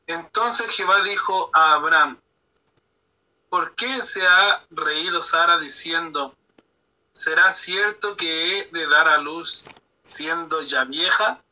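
Guy reading bible verses real slow in class, bright sharp tone. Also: a little high, rough recording. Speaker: class participant reading aloud. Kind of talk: reading scripture aloud.

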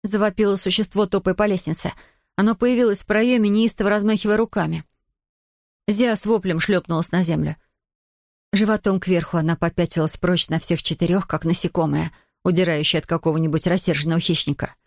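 A woman narrating an audiobook in an even, measured storytelling manner. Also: fairly low pitch, no room sound, studio quality.

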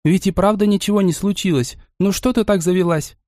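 A man voicing a young woman who calmly tries to settle a friend's temper. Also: sits high, brisk, dry recording, studio quality, pitched above the performer's own voice, natural voice. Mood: soothing. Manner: soothing, gentle.

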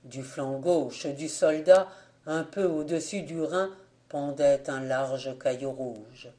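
A man narrating an audiobook of an old folk tale in a slow, measured and dramatic way. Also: fairly high pitch, warm tone. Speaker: audiobook reader.

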